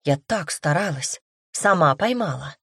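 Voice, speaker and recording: A woman reading the lines of a playful, coy young woman, a pupil who coaxes and pleads in a slightly brighter voice. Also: deep voice, expressive, unhurried, husky, no echo, studio quality, full character voice. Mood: coaxing. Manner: playful, coaxing, a bit brighter.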